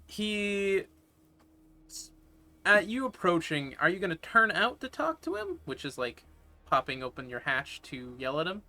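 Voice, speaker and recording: Male game master, casual and sweary, bright, slightly high voice. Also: sing-song, measured pace. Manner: casual, rambling, profane. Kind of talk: narrating a tabletop game.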